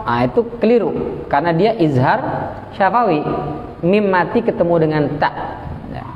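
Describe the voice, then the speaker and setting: A man teaching Quran recitation rules at a mosque, explaining slowly and chanting verses in a long melodic recitation. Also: high-pitched, lively intonation, slight background noise. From Indonesia. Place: mosque study hall. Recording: dull echoey hall recording.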